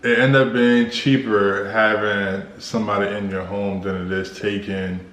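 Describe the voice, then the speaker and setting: An American man co-hosting a casual Q&A vlog, explaining things in a measured, halting way. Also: fairly low pitch, flat delivery, a bit bright. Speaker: vlog co-host. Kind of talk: casual couple Q&A chat. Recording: roomy echo with clear background noise.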